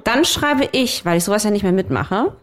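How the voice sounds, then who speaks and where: A woman in her thirties tells dating stories in a relaxed, chatty way. She is animated, laughs often and drops in English phrases as she goes. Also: mid-range voice, normal speed. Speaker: podcast co-host telling dating stories. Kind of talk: casual chat.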